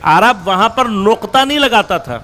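A man with a notably high-pitched voice gives a religious lecture to a gathered audience. He poses rhetorical questions and answers them himself, working through examples with slow, stressed phrases and quicker runs. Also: expressive, pushed and bright, a little hiss or hum. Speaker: religious scholar.

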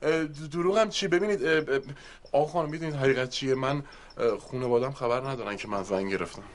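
A man's voice: medium pitch, crowd noise, natural voice. A man playing a flustered, stammering young husband. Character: young man caught hiding his secret marriage. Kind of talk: TV comedy drama acting.

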